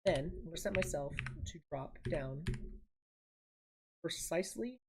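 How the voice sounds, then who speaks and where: A woman's voice: low-pitched, expressive, a little slow, background noise. A woman streaming a building game, casually thinking aloud and muttering each step to herself. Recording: audible keyboard typing and clicks.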